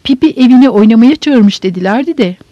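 A woman voicing a meek, gentle, simple village man who speaks timidly and mildly, in a dull, dry audiobook recording. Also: fairly high pitch, animated, fairly quick, no room sound. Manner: timid, mild, hesitant.

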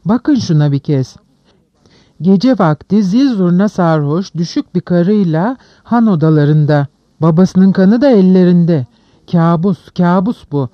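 A furious old police chief bellowing in a storybook reading, put on by the narrator. His voice comes hard and loud. The recording is dry and a little dull. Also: mid-range voice, animated, a little slow, no echo, natural voice. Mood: raging. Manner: shouting, enraged. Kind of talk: audiobook character voice.

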